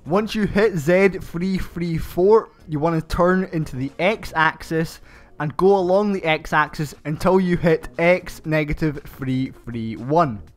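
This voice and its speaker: A young channel host with a high voice narrates a game build tutorial, giving slow, methodical step-by-step instructions. Hay fever has left him sounding stuffed-up and nasal. Soft music plays in the background.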